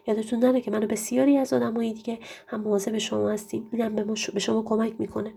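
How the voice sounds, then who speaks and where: Woman doing a kind storybook creature, calm and reassuring, gravelly, husky. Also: a little high. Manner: gentle, reassuring, soothing. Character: gentle wise fantasy creature with big tail.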